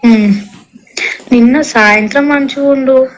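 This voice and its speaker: A woman's voice: sits high, measured pace. A young woman with a Telangana Telugu accent talking casually over a phone call, colloquially relaying what others said in direct quotes. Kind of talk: casual private phone conversation.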